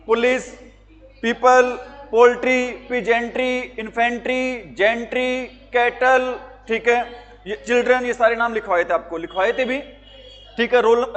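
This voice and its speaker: A male teacher with a very high-pitched voice runs a grammar lesson, firing the same questions again and again at his class. His voice rings with a long reverb, as if it was caught in a large hall. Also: fairly even intonation, moderate pace, fairly bright tone. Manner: quizzing students with repeated questions.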